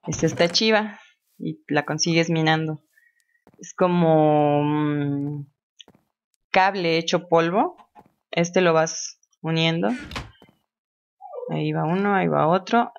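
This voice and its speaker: A woman's voice: sits low, a little hiss or hum. A woman chatting casually as she plays a video game, thinking aloud and laughing often. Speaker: gamer. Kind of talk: casual gameplay commentary. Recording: dull lo-fi home recording.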